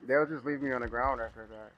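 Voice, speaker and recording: A male gamer talks through his match in a loose, rambling way, often laughing at his own remarks. His voice sits at an ordinary middle pitch. The recording is muffled and lo-fi. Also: fairly even intonation, fast. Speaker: gaming streamer. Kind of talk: casual gameplay commentary.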